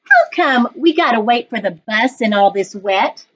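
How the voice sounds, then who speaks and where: A woman's voice: on the high side, animated, moderate pace. A woman voicing a small, curious storybook boy who questions and complains wistfully. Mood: wistful complaint. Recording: dull lo-fi online recording.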